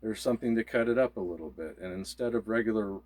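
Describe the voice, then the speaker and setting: Here the prepping co-host talks quickly, with a fairly low, darkish voice. He keeps the demonstration casual and easygoing while going through supplies step by step.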